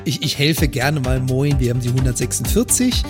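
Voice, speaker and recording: A man's voice: medium pitch, lively intonation, brisk, music in the background. A man co-hosting a casual podcast, dropping dry quips and corrections. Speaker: podcast co-host. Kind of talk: casual chat.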